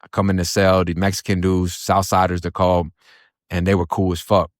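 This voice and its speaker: Deep-voiced man telling a blunt street story. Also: monotone, brisk, no echo, studio quality. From Florida. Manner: blunt, profane street slang, frequent "bro" and "man". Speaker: storyteller recounting his past. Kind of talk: casual first-person storytelling.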